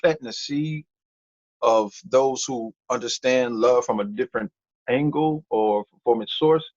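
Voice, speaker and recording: A man giving a relaxed, reflective answer in a casual interview. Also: mid-range voice, measured pace, dry recording, muffled recording. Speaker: guest collaborator.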